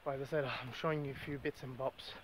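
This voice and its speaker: A man's voice: mid-range voice, fairly even intonation, fast talker. A young man, talking casually to a handheld camera at arm's length while walking outside, chatty and loose, full of fillers. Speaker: vlogger. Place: outdoors on hillside paths and streets. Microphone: handheld camera mic at arm's length. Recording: noisy outdoor camera audio.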